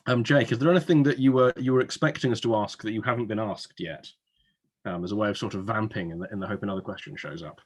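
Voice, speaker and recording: A fast-talking man with a fairly low, husky voice reads audience questions aloud while hosting a casual webinar Q&A online. He's an admissions adviser, chatty and given to wry asides.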